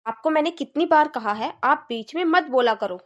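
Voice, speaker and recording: A woman's voice: sits high, animated, normal speed. A woman voicing a bossy, complaining middle-aged mother-in-law in a cartoon, nagging and scolding.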